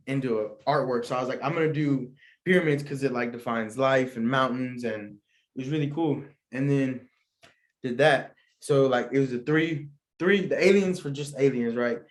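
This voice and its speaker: Rambling, slangy young man chatting. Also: medium pitch. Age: young adult. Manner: rambling and slangy, full of fillers and asides. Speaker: podcast host. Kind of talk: casual solo chat answering questions.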